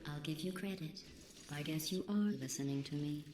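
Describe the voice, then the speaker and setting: A deadpan robotic lab AI. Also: female voice, deep voice, fairly quick. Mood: deadpan sarcasm. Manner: deadpan, passive-aggressive, insulting in a calm even tone. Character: cold sarcastic female computer overseer of a test lab. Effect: robotic processed voice. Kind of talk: video game dialogue. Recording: echoey game audio with steady hum.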